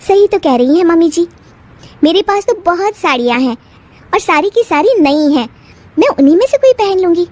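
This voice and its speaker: A woman voicing a sharp-tongued, defiant young wife in a cartoon, with shrill retorts. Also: expressive, normal speed. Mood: sweet. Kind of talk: cartoon voice acting.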